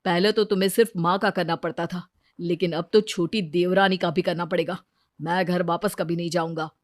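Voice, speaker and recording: A woman's voice: lowish voice, fairly even intonation, brisk, no room sound, clean studio sound, lightly acted. A woman voicing a firm, protective young husband in a storybook cartoon. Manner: firm, resolute.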